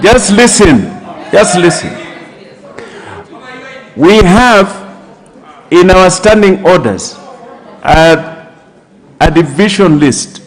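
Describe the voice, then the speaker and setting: A man with a raised, high voice presides over a parliament. He calls for order with formal authority, deliberately repeating phrases to make them stick. His words ring with the long reverb of a large chamber. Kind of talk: formal procedural address from the chair. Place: large indoor legislative chamber.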